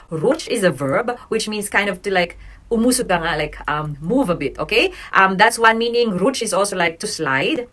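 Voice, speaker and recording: A woman giving a casual video lesson on German holiday greetings, mixing in Tagalog words and slowing down to sound out German phrases. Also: lowish voice, fairly bright tone. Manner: chatty, mixes in Tagalog words, slows to spell out German. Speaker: German language teacher. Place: home, lockdown.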